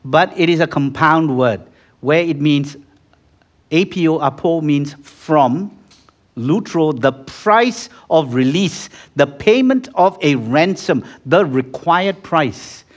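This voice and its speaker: A man's voice: on the high side, lively intonation, slow pace, dull audio. A man preaching a sermon in a conversational way, acting out little scenes and building to fervent peaks, with many restarts. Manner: frequent restarts and repeated words. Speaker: pastor.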